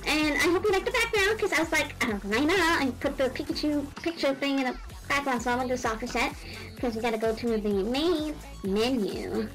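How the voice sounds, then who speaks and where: Female gaming vlogger, bubbly and rambling, high and very animated pitch. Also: low-quality recording. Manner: excitable, giggly and rambling. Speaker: gaming video host. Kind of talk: casual gaming vlog.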